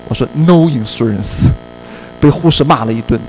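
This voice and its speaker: A male preacher of mid pitch tells a personal story to his congregation, mixing in English terms as he goes. He talks in a lively storytelling way. Soft music plays faintly underneath. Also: moderate pace, poor audio.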